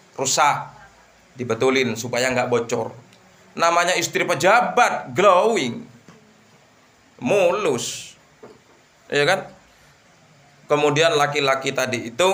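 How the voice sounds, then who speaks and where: A male religious teacher with a somewhat high voice, spinning a moral tale for his listeners. He keeps it animated, tossing out rhetorical questions as he goes. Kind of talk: storytelling in an Islamic book study.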